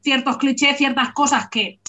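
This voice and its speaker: A woman hosting a casual book club chat, talking in an animated, emphatic and playful way. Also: sits high, normal speed.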